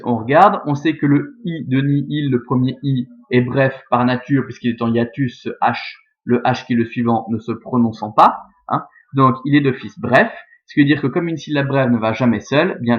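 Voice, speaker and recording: A male teacher talks through a recorded lesson on Latin verse, patient and methodical as he takes each step in turn. His voice sits in an ordinary middle register. The recording is dull and lo-fi. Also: medium pitch. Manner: methodical, explains step by step with fillers like "hein" and "euh". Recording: dull, lo-fi sound.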